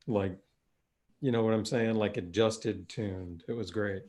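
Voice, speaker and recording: A man's voice: fairly low pitch, steady tone, unhurried, a little mellow. A man co-hosting a podcast, chatting in a loose, profane way and laughing often. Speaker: podcast co-host. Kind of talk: casual chat.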